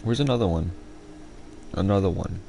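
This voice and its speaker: A man's voice: low voice, moderate pace, creaky, warm tone, faint music behind, low-quality recording. A young man hosting a casual commentary chat, joking, laughing and stammering as he talks. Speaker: commentary channel host.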